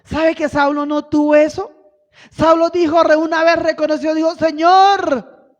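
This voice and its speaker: A woman's voice: high voice, monotone, normal speed. A woman missionary preaching a sermon in a church, asking rhetorical questions and acting out quoted lines with growing force. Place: church hall. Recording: reverberant church hall, dull lo-fi sound.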